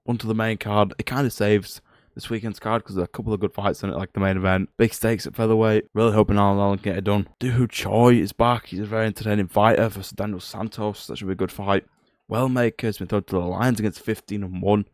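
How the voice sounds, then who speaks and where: Young roadman guy doing fight picks, talks quick, lowish voice, sweary and fed up. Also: no echo, studio quality. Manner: flat, low-energy, grumbling. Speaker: MMA prediction video host. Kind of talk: casual fight commentary.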